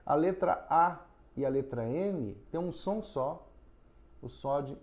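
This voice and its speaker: A man's voice: a little high, lively intonation, takes it slowly, a little mellow. A man teaching a recorded phonetics lesson, explaining step by step, asking and answering his own questions and drawing out syllables to show stress.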